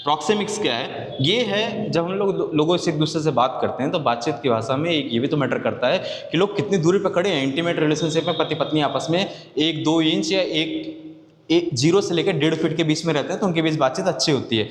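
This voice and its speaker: A male teacher giving a classroom lecture, asking his students questions and answering them himself, with key terms repeated slowly. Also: a little high, slight background noise. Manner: conversational, asks and answers his own questions. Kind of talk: exam-oriented classroom lecture. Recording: echoey room with long reverb.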